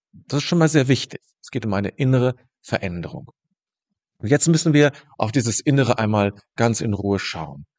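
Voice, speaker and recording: A man teaching about meditation in a calm, thoughtful way, speaking directly to the listener and pausing to rephrase his ideas. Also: fairly low pitch. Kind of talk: reflective spoken teaching monologue.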